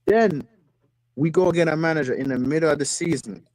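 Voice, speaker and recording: Slightly high and a bit fast, this man's darkish voice drives a casual, passionate rant on a football fan stream, repeating phrases to make his point. He calls in via phone video call. The recording is dry and low in quality.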